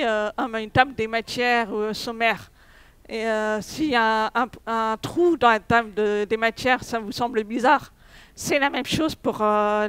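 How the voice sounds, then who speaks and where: A woman's voice: fairly high pitch, clear, resonant tone, no echo. A young woman giving a technical conference talk, hesitant, with many fillers and restarts. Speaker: conference speaker. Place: conference hall.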